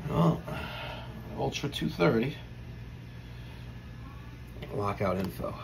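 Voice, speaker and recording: A man in his forties, a plumber with a New York accent, talking to viewers in an animated, hyped way while filming himself on a phone in a house basement. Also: medium pitch, takes it slowly, vocal fry, background noise. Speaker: plumber and heating technician. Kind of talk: on-the-job vlog narration. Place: house basement boiler room. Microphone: phone camera at arm's length.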